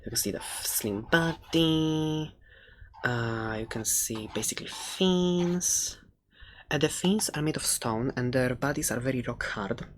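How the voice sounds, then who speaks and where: A performer's natural, medium-pitched voice plays a furry animal shopkeeper in an ASMR roleplay, soft and halting, often nearly whispering, doting with a hint of menace. The mood is fond and showing off, with slight background noise.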